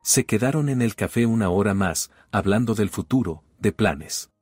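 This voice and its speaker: A man giving a scripted narration of a domestic drama story in an even, measured reading. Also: lowish voice, breathy edge, dry recording, clean studio sound, faint music behind.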